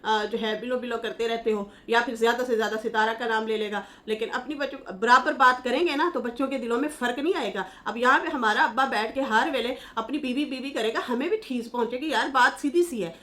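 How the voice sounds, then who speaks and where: A woman's voice: on the high side, brisk, hardly any pauses, pushed and bright. A woman giving casual commentary, reading viewer comments aloud in a chatty, scolding manner and laughing as she mocks. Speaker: YouTube commentator.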